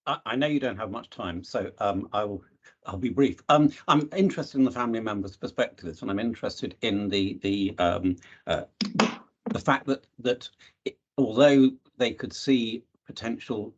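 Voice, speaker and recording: Man asking a conference question, husky, halting, dull lo-fi call audio. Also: lowish voice. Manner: halting, hesitant phrasing. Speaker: audience member asking a question. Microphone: video call.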